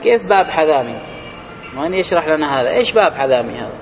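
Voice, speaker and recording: A man with a high voice teaches a grammar class, stretching out his readings of the text before explaining it and quizzing the room. The sound is dull and lo-fi, with a long hall reverb and faint hiss behind him. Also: very animated. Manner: reads quoted lines slowly and higher, then explains and quizzes students.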